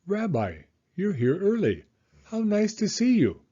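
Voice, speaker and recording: A man voicing a kindly, fussing old woman, with a high, chirpy voice. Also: wildly swooping pitch, measured pace, dark tone, breathy edge, heavily acted. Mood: fussing cheerful. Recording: dull lo-fi recording.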